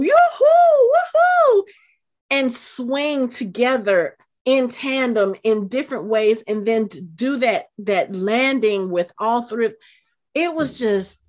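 Gushing middle-aged woman podcaster. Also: medium pitch. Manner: gushing, emotional, many fillers and restarts. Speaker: podcast co-host. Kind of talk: casual podcast chat.

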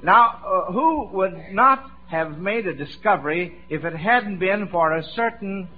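An American man hosts an old-time radio quiz, captured in a muffled vintage broadcast recording with a little hiss or hum. His high, expressive voice moves a little slowly, and he's folksy and encouraging, often repeating approving phrases.

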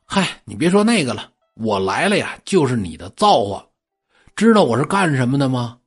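A brash tax collector, voiced by a storyteller, barks orders in a raised, swaggering voice. His tone is husky and swings lively up and down. Faint music sits under this ghost story. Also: mid-range voice, normal speed. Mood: bossy. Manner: loud, swaggering, ordering people about. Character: brash, bossy Qing-era male tax collector.

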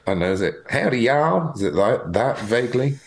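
A man's voice: on the low side, fast talker, a little mellow. A man chatting casually on a podcast, asking wry questions and making self-deprecating remarks. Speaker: podcast co-guest. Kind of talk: casual chat.

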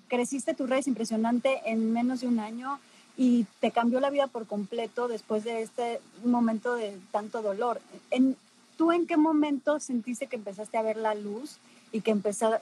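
A woman's voice: fairly high pitch, dark tone, slight background noise, poor audio. Woman host asking rambling questions. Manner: probing, rambling questions with restarts. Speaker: podcast host, interviewer. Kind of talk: conversational interview.

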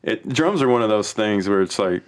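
Chill guy on a podcast, kinda low voice, rambles n restarts a lot. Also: normal speed. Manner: rambling and relaxed, with frequent restarts. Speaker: podcast guest, home-recording musician. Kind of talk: casual chat.

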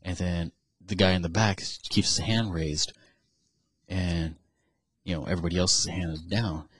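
A man's voice: low-pitched, steady tone, moderate pace, fairly bright tone, husky, no room sound. A man co-hosting a podcast, bantering casually, joking and laughing often. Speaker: podcast co-host.

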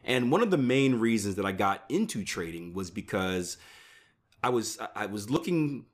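A man's voice: fairly low pitch, big pitch swings, normal speed. A man in his thirties talking casually to his viewers about trading, often checking in with "right?" as he explains. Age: 30s. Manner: conversational, repeats "right?" often. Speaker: trading educator.

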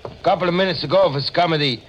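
An actor playing an anxious immigrant shopkeeper with an Italian accent and excitable, halting broken English in radio drama style. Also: male voice, fairly high pitch, close to an everyday voice. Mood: worried. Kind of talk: old-time radio drama acting. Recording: noisy old radio recording, clicks.

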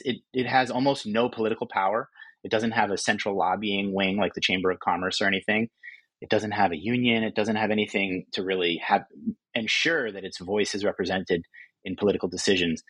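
A man in his forties with a low, slightly husky voice answers a podcast interviewer's questions. He speaks thoughtfully and often restarts his sentences, and the recording sounds close and dry. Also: fairly bright tone, dry recording, low-quality recording. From California. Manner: thoughtful, with frequent restarts and fillers. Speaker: author and guest.

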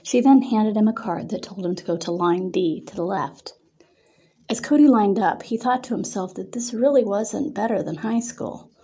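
A woman reading her own erotic story aloud in a steady storytelling manner. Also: medium pitch, normal speed, breathy edge.

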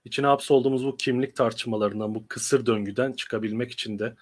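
A man's voice: mid-range voice, fairly even intonation, fast. A man hosting a conversational political interview, sounding a little unwell with a strained voice. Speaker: host of a political talk stream.

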